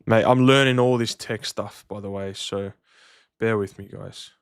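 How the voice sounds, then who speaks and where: A man's voice: fairly low pitch, steady tone, a little slow, clean tone, no echo, clean studio sound. A man, chatting casually to livestream viewers in a slangy, matey way. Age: 30s. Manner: laid-back slangy, matey address. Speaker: livestream host.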